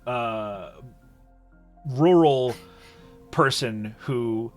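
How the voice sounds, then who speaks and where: A man's voice: medium pitch, very slow, faint music behind. A man hosting a casual livestream, wry and sweary, often letting his thoughts trail off. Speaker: VTuber streamer and host.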